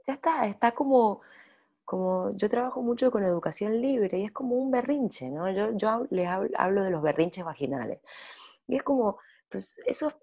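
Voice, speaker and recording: A woman's voice: medium pitch, gravelly. A woman, a guest in an interview, telling stories animatedly and acting out her inner dialogue. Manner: animated storytelling, acts out inner dialogue, repeats phrases. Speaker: guest, women's workshop leader. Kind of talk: reflective conversational interview.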